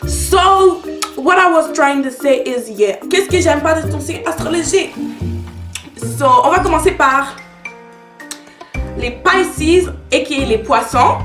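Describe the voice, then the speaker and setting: A woman's voice: high-pitched, lively intonation, takes it slowly, pauses often, echoey room, music in the background. A nineteen-year-old woman with a Québécois French accent, chatting to camera as a YouTuber and switching between French and English. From Canada. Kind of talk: casual chat to camera.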